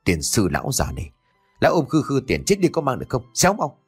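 A man's voice: low voice, animated, a little fast, faint music behind. A man voicing a greedy, brutal grown son who talks with a harsh snarl. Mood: snarling rage.

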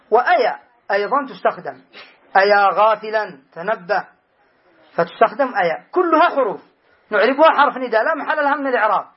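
A man with a high, husky voice teaches a grammar class the way a sheikh would, going back over each example and checking that his students understood. The lesson recording sounds dull and lo-fi. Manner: explains patiently, repeats examples, quizzes students.

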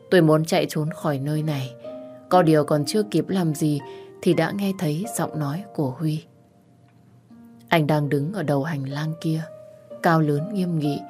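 A woman narrating a first-person audio story in a soft, measured way, voicing every character herself. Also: sits low. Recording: soft music underneath.

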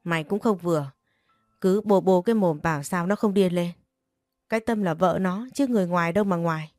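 A woman's voice: on the low side, fairly quick, darkish tone, dry recording, studio quality, soft background music, close to an everyday voice. A woman reading a story, voicing a stern older father who rebukes his quarrelling children. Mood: reproachful.

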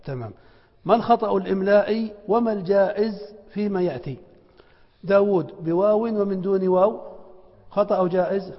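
High-voiced man teaching in a reverberant hall. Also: a little fast. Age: middle-aged. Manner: quizzes students, then answers his own questions. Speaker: teacher of Arabic spelling. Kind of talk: classroom lesson. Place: lecture hall with students. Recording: dull lo-fi recording with long hall reverb.

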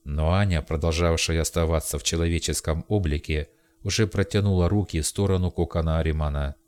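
A man narrating an audiobook in the first person with steady storytelling. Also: deep voice, fairly quick.

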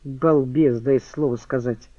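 A man voicing a brisk, sarcastic young widow in an audiobook, raised pitch and mocking retorts. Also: fairly even intonation, mellow, no echo, highs cut off, lightly acted.

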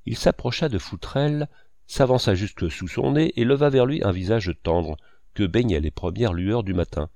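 A man narrating a literary novel as an audiobook in a measured, expressive reading. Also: lowish voice, no echo, clean studio sound.

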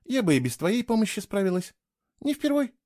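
Man putting on a cool young woman, high and dry, lots of lilt, speaking short and mocking. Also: big pitch swings, brisk, a little mellow, dry recording. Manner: curt, mocking, matter-of-fact. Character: brisk cool-headed young woman traveler.

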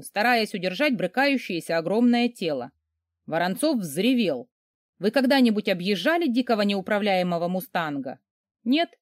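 A woman's voice: mid-range voice, dry recording, studio quality. A woman reading a comic first-person romance with a wry, theatrical delivery. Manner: wry, theatrical, quick mood swings in quoted lines. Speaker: audiobook reader.

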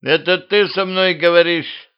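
A man voicing a gruff, practical cemetery watchman who talks bluntly and impatiently, on a dull lo-fi home recording. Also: sits high, fairly even intonation, measured pace, pitched above the performer's own voice.

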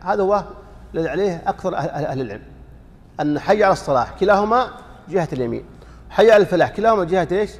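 An animated sheikh with a quick, high male voice leads a classroom fiqh lesson in a hall, unpacking a text. Rhetorical questions keep listeners engaged, and he demonstrates by chanting sample calls to prayer.

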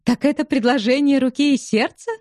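A woman putting on a high teasing young widow. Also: animated, normal speed, a little mellow, no echo, clean studio sound. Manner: coquettish, bantering.

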